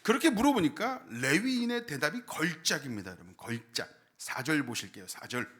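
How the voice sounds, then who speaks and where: A man's voice: on the high side, sing-song, a little fast, a bit bright. A man preaching a Sunday sermon as pastor, asking the congregation questions and letting his voice climb and fall hard. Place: church sanctuary.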